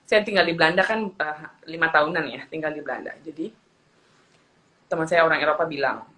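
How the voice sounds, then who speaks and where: A woman's voice: sits low, fairly quick, fairly bright tone, low-quality recording. A young woman from eastern Indonesia, a guest telling personal stories in a casual interview, earnest and repeating her phrases as she goes. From Papua, eastern Indonesia. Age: young adult.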